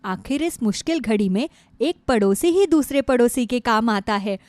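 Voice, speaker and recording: A woman voicing a steady widowed neighbour in a storybook tale, speaking in a calm, comforting way. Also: fairly high pitch, normal speed, dry recording, lightly acted.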